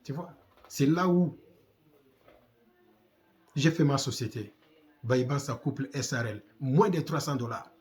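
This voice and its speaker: Unhurried and pausing often, this Congolese man speaks in a mid-range, darkish voice with a Congolese French accent. His commentary from the Democratic Republic of the Congo is impassioned and exhorting, packed with rhetorical questions and repetition.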